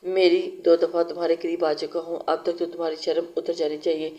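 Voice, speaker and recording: Narrator voicing a teasing young husband, flat delivery. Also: medium pitch, brisk, dull audio, close to an everyday voice.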